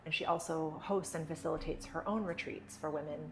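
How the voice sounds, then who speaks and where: A woman's voice: low-pitched, fairly even intonation, a little fast, noisy background. A woman hosting an interview in a casual, somewhat hesitant way, with many fillers. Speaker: interview host.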